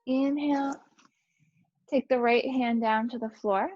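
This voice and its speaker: Woman yoga teacher, very slow, slightly high voice, dry dull recording. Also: no room sound. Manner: calm, unhurried cueing of breath and movement. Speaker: yoga instructor. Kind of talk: guided yoga class instruction.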